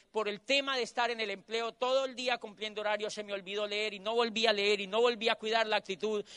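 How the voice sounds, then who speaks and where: Animated Colombian man telling his story. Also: high voice. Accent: Colombian Spanish. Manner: animated storyteller who repeats phrases for emphasis. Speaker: motivational speaker. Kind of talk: motivational storytelling talk.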